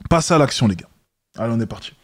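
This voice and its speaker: A man's voice: medium pitch, animated, rapid-fire, background noise. A man hosting a reaction video, commenting and coaching his viewers directly.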